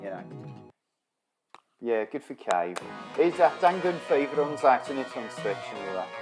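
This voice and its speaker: A gaming streamer plays from his bedroom with game music running underneath, chatting casually, swearing a lot and grumbling at the game. His voice is medium-pitched, and the audio is poor.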